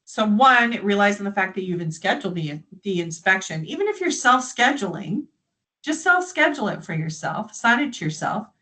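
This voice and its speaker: A friendly woman from the United States walks colleagues through a software system in a live training session. Her voice sits at an ordinary middle pitch, and she explains in a loose, chatty way. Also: expressive, a little fast, poor audio.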